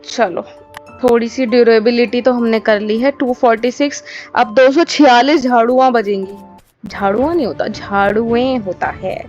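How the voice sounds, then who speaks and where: High-pitched woman trash-talking game enemies. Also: steady tone, normal speed, a little mellow. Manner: high-energy, exclaiming and repeating phrases. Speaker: gaming commentator. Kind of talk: comedic gameplay commentary. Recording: slightly dull audio with faint game music behind.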